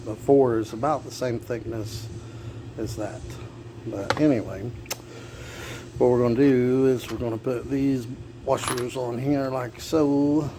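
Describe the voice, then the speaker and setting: A man's voice: mid-range voice, steady tone, unhurried. A man talking casually and plainly, thinking aloud as he narrates a hands-on repair. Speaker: amateur car repair vlogger. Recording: clear background noise, vehicle ambience.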